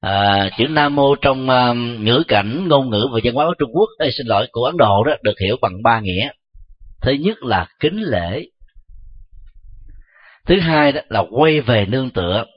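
A man, a Buddhist monk, giving a measured dharma talk and answering questions, pausing often with soft fillers. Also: mid-range voice, lively intonation, slightly rough. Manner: slow, measured, frequent filler "à". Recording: dull lo-fi recording.

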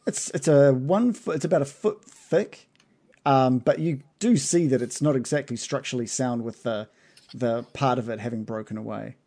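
A man's voice: mid-range voice, normal speed, mellow. Laughing man running a tabletop game. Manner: laughs often, loose and playful. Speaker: game master.

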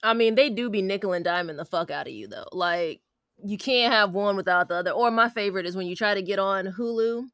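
A woman's voice: medium pitch, a little fast, fairly bright tone, no room sound, clean studio sound. A woman co-hosting a casual chat podcast, blunt and swearing freely. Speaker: podcast co-host.

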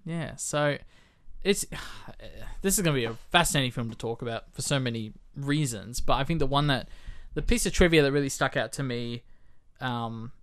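A young man co-hosting a film podcast chats casually in a rambling way, often restarting his sentences. His voice is mid-range and fairly bright, at a moderate pace.

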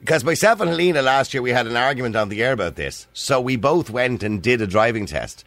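A man's voice: medium pitch, lively intonation, fast, a bit bright, dry recording. A man with an Irish accent hosting a casual radio phone-in. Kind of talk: lively casual radio chat. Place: radio studio.

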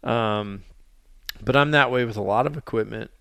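A man's voice: mid-range voice, normal speed, creaky, a bit bright, clean tone, no room sound. A man hosting a casual podcast chat, rambling and self-deprecating with lots of fillers.

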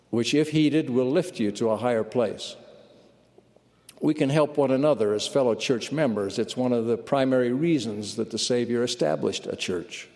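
A man delivers a sermon in a measured, earnest way, at a middle pitch. His voice trails a long reverb from a large conference hall. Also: vocal fry, darkish tone. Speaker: church leader giving a conference talk.

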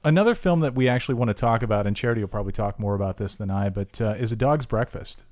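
A man's voice: fairly low pitch, rapid-fire, a little mellow, no room sound, studio quality. A man co-hosting a casual interview, asking friendly, eager questions. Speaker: podcast co-host.

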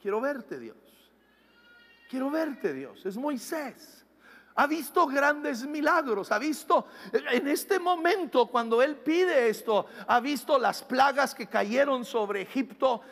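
A pastor, preaching a sermon in Spanish, speaking directly to his congregation and building up to passionate shouting. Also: extremely high pitch, animated, slow. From United States.

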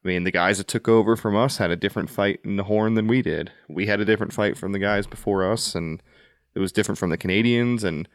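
A man with a deep, low voice speaks in an earnest, reflective way, often restarting his sentences. He sounds dry and close, like a podcast host at the mic. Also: fast talker, no echo. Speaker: podcast host, Army veteran. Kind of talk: casual conversational interview.

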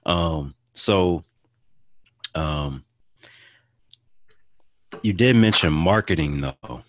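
A male podcast host asking questions hesitantly, with many pauses and ums. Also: extremely low pitch, animated, no room sound. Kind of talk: podcast interview.

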